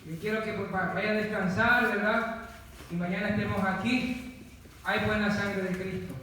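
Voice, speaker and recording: A man's voice: sits high, steady tone, normal speed, sharp tone, slight background noise. A man preaching a sermon to a congregation, repeating phrases for emphasis and calling out to the listeners. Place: church. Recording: echoey church hall with long reverb.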